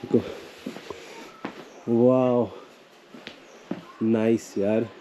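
A travel vlogger with a medium-pitched voice and drawn-out words chats casually about his trip, tossing in excited English exclamations. He walks outdoors and then into a limestone cave, with a slight hiss or hum on the recording.

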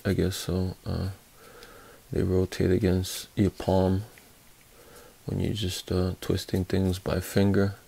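Slow, gravelly-voiced man reviewing tools. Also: on the low side, mellow. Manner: unhurried, hesitant, many fillers and restarts. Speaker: tool reviewer. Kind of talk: casual hands-on product review.

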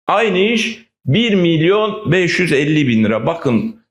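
A man's voice: a little high, big pitch swings, measured pace. A man giving a political speech as chair of a council meeting, emphatic, repeating key phrases and asking rhetorical questions into a hall microphone. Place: large indoor meeting hall.

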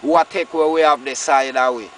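A man's voice: mid-range voice, a little fast, fairly bright tone, far from the mic, rough recording. An older Jamaican man talks in casual rasta-style patois, driving points home by repeating them. He is recorded outdoors by a roadside, a little away from the mic, with faint noise around him. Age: older, about 60s. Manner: emphatic, repeats phrases. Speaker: farmer being interviewed.

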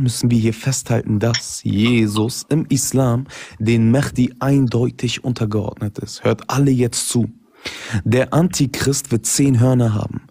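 Man, assertive debater, husky voice, dry close sound, points out arguments one by one. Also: medium pitch, dark tone, no echo. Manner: assertive, lists points and declares knockouts. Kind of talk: heated religious debate.

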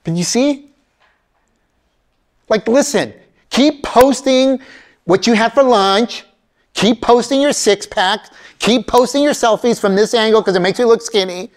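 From a camera out in the audience of a college lecture hall, a middle-aged man is heard giving a motivational career keynote. His voice is very high, his pace measured, with frequent pauses. He's animated, calls everyone "folks," and acts out quoted voices.

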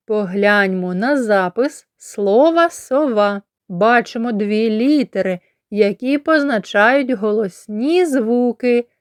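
A woman kindergarten teacher from Ukraine giving a slow lesson to children, spelling out sounds and syllables with careful, deliberate articulation. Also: medium pitch, clear, resonant tone, dry recording, clean studio sound.

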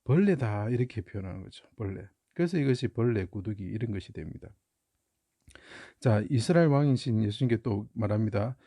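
A middle-aged man giving a lecture on Bible characters in a slow, emphatic way, asking his listeners questions as he explains. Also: lowish voice, expressive, dark tone, no echo, studio quality.

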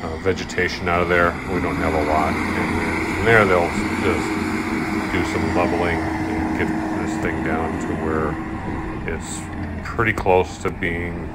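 A man narrating a building site walkthrough outdoors in a relaxed, halting way, filling pauses with uh. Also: low-pitched. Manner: relaxed, halting, many fillers. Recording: loud outdoor machinery noise. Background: heavy machinery noise.

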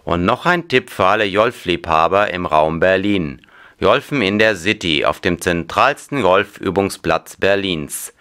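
A man's voice: sits low, animated, unhurried, sharp tone, clean tone, exaggerated voice. A man playing a radio announcer who gives a scripted promotional tip. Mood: upbeat promotion. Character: radio announcer promoting a local leisure event.

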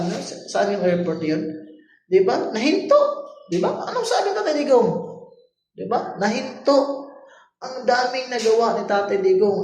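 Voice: medium pitch, a little mellow, echoey room, poor audio. A Filipino vlogger talking to the camera in a casual, emphatic way, firing off rhetorical questions to the audience. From Philippines. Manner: emphatic, rhetorical, keeps asking "di ba?". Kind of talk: casual opinion vlog.

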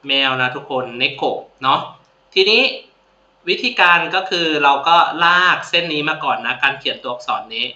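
Thai guy teaching a class, repeats words slow, bright tense voice, roomy dull recording. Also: mid-range voice, lively intonation. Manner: friendly, repeats words slowly for students to copy. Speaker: Japanese language teacher. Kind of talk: casual classroom-style video lesson. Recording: echoey room, dull lo-fi sound.

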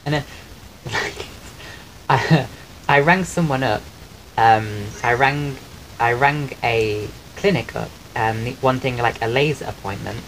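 Soft-voiced man chatting on a noisy stream. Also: medium pitch, slow pace. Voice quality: soft voice often mistaken for a woman's on the phone. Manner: chatty and rambling, thanks viewers while eating. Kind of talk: casual live-stream chat. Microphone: desk microphone. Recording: clear background noise on the stream mic.

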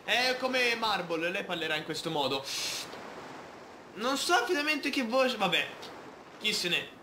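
A man's voice: high voice, sing-song, a little slow, bright, forceful tone, roomy sound, a little hiss or hum. A man playing a video game, chatting playfully and reading the game's text aloud. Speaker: gamer. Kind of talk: Let's Play commentary.

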